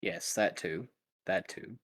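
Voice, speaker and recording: A man's voice: low voice, takes it slowly, fairly bright tone, exaggerated voice. A man playing a grieving young dragon rider. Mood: somber.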